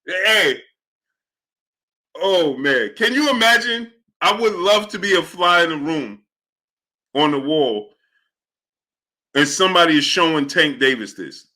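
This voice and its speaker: A man hosts a sports reaction stream and talks in an excitable, laughing way, calling out to his viewers. His voice sits high and jumps around a lot. The tone is sharp and very bright. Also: a little slow, pauses often. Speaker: sports commentary host. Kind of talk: reaction commentary on clips.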